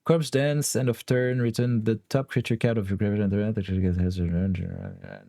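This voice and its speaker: A man's voice: on the low side, fairly even intonation, moderate pace, mellow, no room sound. A young man with a French accent, a card game streamer thinking aloud through his plays, weighing options and often laughing. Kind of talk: thinking aloud while playing online.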